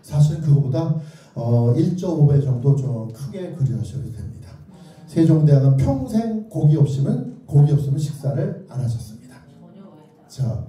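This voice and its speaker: Here a man with a fairly high-pitched, dark-toned voice, a children's author, delivers an interactive lecture, theatrically and playfully prompting his listeners with either-or questions. The distant mic catches heavy echo from the indoor lecture hall.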